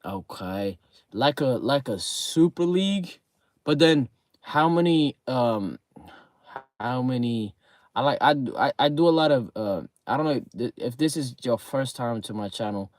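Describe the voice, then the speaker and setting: A man livestreams, chatting loosely with viewers about a game league and rambling with plenty of fillers and repeated words. His throat is sore and his voice is getting low, though it sits at medium pitch, expressive and unhurried, with no echo.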